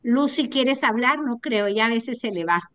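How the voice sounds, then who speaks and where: A woman's voice: a little high, animated, moderate pace, fairly bright tone, no echo. A woman pastor leading a group discussion, encouraging others with brief affirmations.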